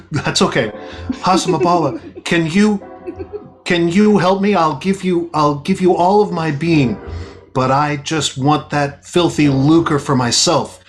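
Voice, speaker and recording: A man playing an excitable, greedy Old West gold seeker, theatrical and stammering, in an improvised Western comedy. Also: fairly high pitch, slow pace, soft background music. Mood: awed, pleading.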